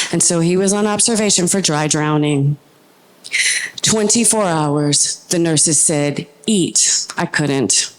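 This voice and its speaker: A woman tells a personal story live on stage in a fairly low voice. Her delivery is emotional, racing through some stretches and slowing to deliberate phrases in others. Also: low-quality recording. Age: adult with a young child. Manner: emotional, shifting between brisk and slow deliberate delivery. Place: stage at a performance venue.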